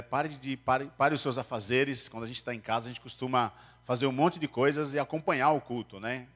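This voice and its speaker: A man's voice: medium pitch, fairly bright tone. A Brazilian man preaching and reading scripture in a conversational way, his speech coming through a face mask. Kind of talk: sermon with Bible reading.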